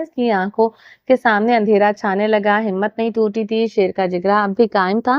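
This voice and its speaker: A woman reading a dramatic romance novel aloud as narrator, with steady storytelling. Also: mid-range voice, no echo, dull audio. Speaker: audiobook narrator.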